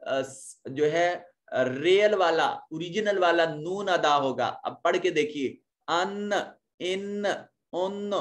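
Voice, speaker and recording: A man with a fairly high voice gives a Quran recitation lesson. He works through each tajweed rule step by step, with a few fillers between points. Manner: slow drawn-out chanted recitation. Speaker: Quran teacher.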